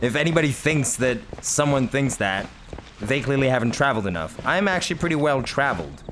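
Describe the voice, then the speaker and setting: A man with a brisk, slightly bright mid-range voice and lively intonation hosts a let's play, with game music playing and a little hiss or hum. He chats casually about the gameplay, laughing often, rambling, and correcting himself as he restarts.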